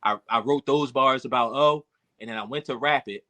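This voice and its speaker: Man, bright tense voice, candid rambling storytelling, emotional. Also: medium pitch, normal speed. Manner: emotional, reflective, many fillers and restarts. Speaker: podcast guest, rapper and producer.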